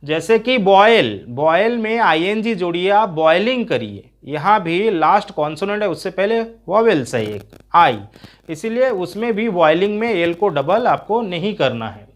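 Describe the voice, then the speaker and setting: A man teaching an English spelling lesson, spelling words out letter by letter in a steady explaining tone. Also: sits high, measured pace. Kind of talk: spoken grammar lesson.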